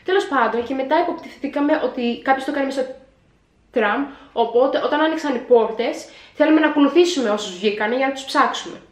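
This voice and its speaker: Young woman vlogger, high-ish voice, lively storytelling, echoey home room. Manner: animated retelling, acting out her own panic. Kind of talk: storytelling vlog.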